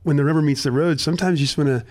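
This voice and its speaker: A man's voice: on the high side, racing, a little mellow. Earnest man talking casually. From United States. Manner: earnest, many restarts. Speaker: nonprofit director, guest. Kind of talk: casual radio talk.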